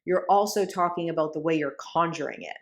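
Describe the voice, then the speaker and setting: Chatty lower-voiced woman podcaster. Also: fast talker. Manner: chatty, sarcastic asides, frequent "like" and "do you know what I'm saying". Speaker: podcast co-host. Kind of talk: casual conversational podcast chat.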